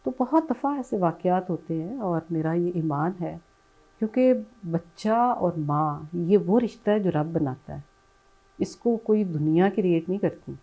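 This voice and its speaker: A middle-aged woman answering interview questions in a soft, reflective way, often falling to a hush and slipping in English phrases. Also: fairly low pitch, expressive, highs cut off. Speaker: bereaved mother, interview guest.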